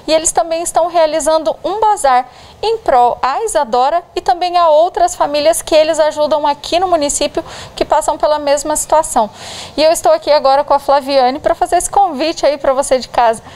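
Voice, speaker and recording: High-voiced Brazilian woman reporting on location. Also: a little fast. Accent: Brazilian Portuguese. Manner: steady, leading questions with frequent "né". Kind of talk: field news report and interview. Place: indoor charity clothing bazaar. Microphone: handheld mic.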